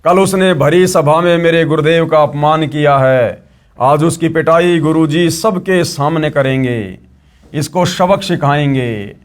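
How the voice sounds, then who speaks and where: A man reads out an angry sage, accusing and demanding. The voice stays close to the storyteller's own, a little high. It belongs to a devotional story told aloud. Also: unhurried, natural voice. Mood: indignant. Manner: indignant, accusing. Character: angry male sage seeking a boy.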